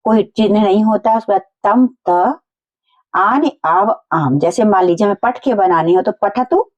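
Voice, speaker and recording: A woman teacher explaining a school lesson to children, going slowly and repeating each point in simple words. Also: mid-range voice, muffled recording.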